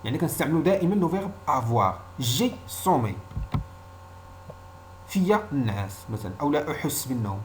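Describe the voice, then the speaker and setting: Speaking quickly, a Moroccan man whose pitch moves widely and energetically gives an informal language lesson. A native Arabic speaker, he teaches didactically and frequently repeats short example phrases over a faint hum.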